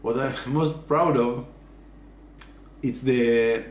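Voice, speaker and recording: A man giving earnest, halting interview answers full of fillers. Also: mid-range voice, slight background noise. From Israel. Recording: echoey room.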